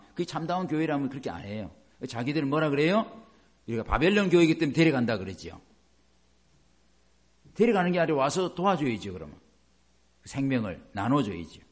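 A middle-aged man preaching a sermon as a pastor, animated, with many rhetorical questions. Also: medium pitch, breathy edge.

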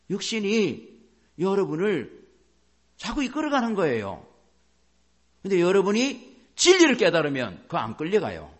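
Lively-voiced male pastor preaching. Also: fairly high pitch, breathy edge. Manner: animated preaching, acting out inner self-talk. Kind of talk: sermon.

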